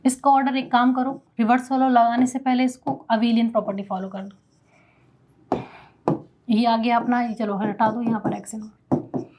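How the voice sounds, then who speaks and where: A woman's voice: fairly high pitch, level tone, normal speed, long pauses, darkish tone, slight background noise. A young woman teaching a math lecture, asking questions and answering them herself.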